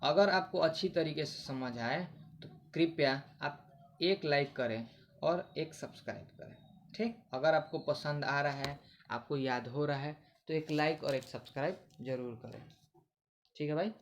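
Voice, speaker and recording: A man's voice: fairly high pitch, unhurried, a little hiss or hum. A man teaching English vocabulary in Hindi, asking questions and answering them himself, repeating words often. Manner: repetitive, asks questions then answers them. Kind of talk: casual Hindi vocabulary lesson.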